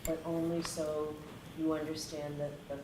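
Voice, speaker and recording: A woman's voice: deep voice, level tone, normal speed. A woman judge giving rulings and instructions in a plain-spoken, procedural way in a courtroom. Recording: echoey, distant, noisy courtroom pickup.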